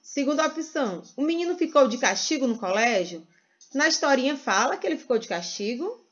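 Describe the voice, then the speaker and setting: A Brazilian woman teaching first graders in a sing-song way, stretching words slowly for small children. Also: high-pitched, big pitch swings, fairly bright tone, lo-fi sound, faint music behind. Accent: Brazilian Portuguese. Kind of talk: teaching a recorded lesson to young children.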